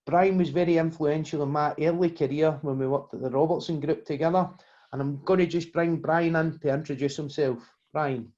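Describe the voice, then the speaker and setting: Male host, mellow dark voice pitched a bit high, muffled lo-fi mic. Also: fairly even intonation, a little fast. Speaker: podcast host. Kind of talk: interview hosting.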